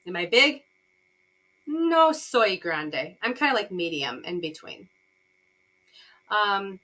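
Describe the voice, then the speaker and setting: A woman's voice: fairly high pitch, sharp tone. A woman teaching a beginner language class, asking students simple yes-or-no questions and translating each phrase for them. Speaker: Spanish teacher. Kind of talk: bilingual language lesson, slow and repetitive.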